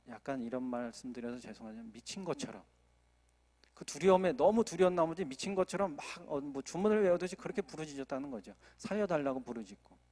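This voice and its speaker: Male pastor in a church, mid-high voice, earnest sermon delivery with rhetorical questions. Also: a little mellow, in a large hall. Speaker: associate pastor. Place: church sanctuary.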